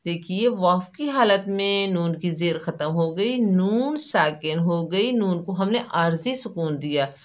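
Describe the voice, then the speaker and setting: Slow, patient woman teaching recitation. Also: lowish voice, lively intonation. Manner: patient, drawn-out syllables when demonstrating. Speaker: Quran reading teacher. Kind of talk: slow step-by-step recitation lesson.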